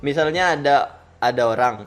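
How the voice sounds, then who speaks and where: A man's voice: medium pitch, a little fast. A man hosting a casual, joking podcast chat, often repeating words for emphasis. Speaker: podcast host. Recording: music behind the voice. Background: background music.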